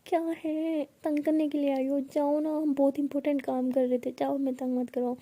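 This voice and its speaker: A woman's voice: high-pitched, level tone, brisk, mellow. A woman voicing a playful, bossy young woman in love.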